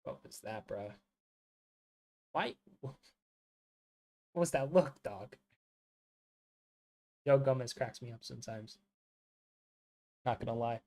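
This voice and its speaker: With lively intonation and a slightly mellow medium pitch, a man from the United States unhurriedly comments on a live football match, pausing a lot. His chat wanders, filled with "like," and he calls viewers mate and bro.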